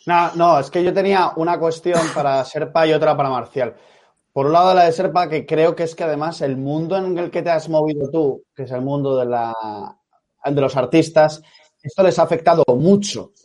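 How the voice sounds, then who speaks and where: A man's voice: on the high side, fairly even intonation, normal speed, darkish tone. A man hosting a round-table talk, posing long, rambling questions to guests. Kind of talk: casual round-table chat.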